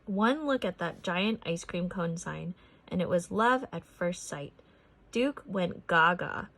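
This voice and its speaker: A woman with a mid-range voice narrates a picture book for children, phrasing each line expressively and deliberately.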